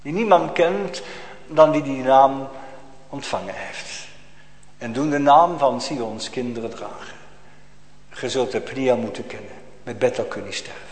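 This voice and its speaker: In an echoey church hall with long reverb, a male pastor with a medium-pitched, unhurried voice preaches emphatically, admonishing his congregation with pointed rhetorical questions.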